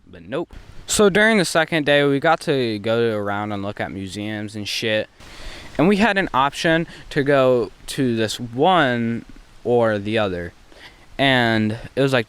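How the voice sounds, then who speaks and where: A young man tells an embarrassing story for a casual vlog, full of slang and cursing. He swings from loud, hyped-up lines to muttered asides. His voice sits at a middle pitch and sounds smooth and clear. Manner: slangy and profane. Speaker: YouTuber telling a story.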